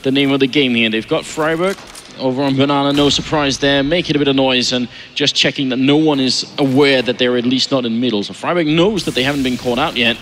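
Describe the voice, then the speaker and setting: A man commentating as an esports caster, with an urgent, excitable play-by-play delivery. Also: mid-range voice, brisk. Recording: game gunfire and noise behind commentary. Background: video game gunfire and ambience.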